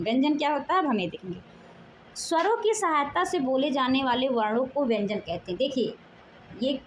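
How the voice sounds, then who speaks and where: A high-voiced woman gives a patient classroom grammar lesson. She draws out each sound and poses questions before answering them, with a faint hiss of noise behind her. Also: low-quality recording. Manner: explanatory, drawn-out syllables, asks questions then answers. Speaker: Hindi teacher.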